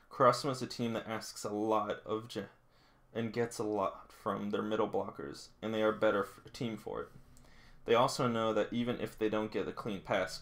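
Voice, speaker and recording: A man hosting a manga read-along reads aloud with casual commentary in a small indoor room with figurines, stumbling, rereading lines, and chuckling at the story. His voice is fairly low and a bit bright.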